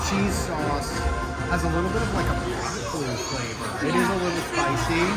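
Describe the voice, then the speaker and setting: A young man chatting casually as he rates food, relaxed with lots of "like" fillers, outdoors at a busy theme park. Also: fairly high pitch, moderate pace. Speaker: vlogger. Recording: loud crowd and park music behind.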